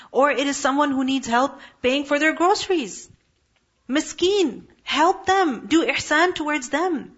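A woman's voice: sits high, fairly bright tone, highs cut off. A woman teaching a Quran lesson to a class, asking questions and answering them herself.

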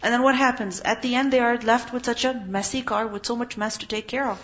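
A woman's voice: a little high, fairly even intonation, a little fast, fairly bright tone, dull audio. A woman giving an earnest religious lesson, often asking her listeners questions. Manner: earnest, asks the audience questions. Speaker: Islamic teacher. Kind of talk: Quran lesson talk.

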